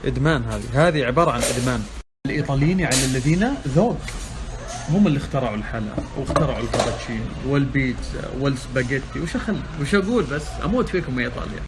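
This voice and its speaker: Animated and rapid-fire at a medium pitch, a man vlogs to a phone held in his hand, chatting playfully with plenty of exclamations. He's a social media vlogger in his car and at a petrol station, talking casually to the camera. Loud traffic noise comes through on the phone recording.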